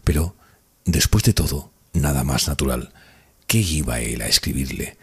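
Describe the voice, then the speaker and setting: A man narrating a classic novel as an audiobook, reading in a measured, earnest first-person voice. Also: rumbling low, expressive, gravelly, fairly bright tone, breathy edge. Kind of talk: scripted literary narration.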